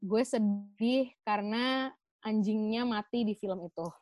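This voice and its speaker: A woman's voice: medium pitch, measured pace, a little mellow, dry recording. A woman patiently explaining things in a casual chat, slipping in English phrases. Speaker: guest explaining emotions.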